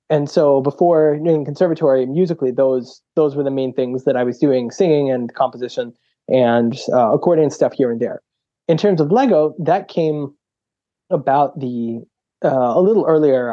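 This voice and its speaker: A young man and interview guest telling stories in an animated way, acting out what people said with a raised voice. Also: no room sound. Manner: lively storyteller who acts out quotes with a raised pitch. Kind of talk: animated storytelling in conversation. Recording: slightly dull lo-fi audio.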